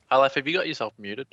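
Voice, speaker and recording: A man's voice: mid-range voice, gravelly, background noise. A man running a tabletop game over voice chat, easygoing and hesitant with fillers. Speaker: game master.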